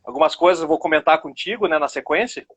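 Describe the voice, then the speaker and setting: A man's voice: a little high, quick pace, fairly bright tone, slightly rough. A man interviewing an author over a video call, friendly and often repeating words and restarting sentences. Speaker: interviewer at a book launch.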